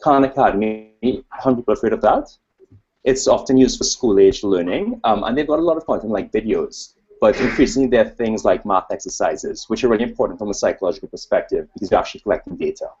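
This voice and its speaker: A Trinidadian man, an academic researcher, gives an informal conference talk with slides, digressive and self-deprecating in tone. His voice is lowish, a little mellow and slightly rough, and he talks fast. The webcast audio is dull and lo-fi.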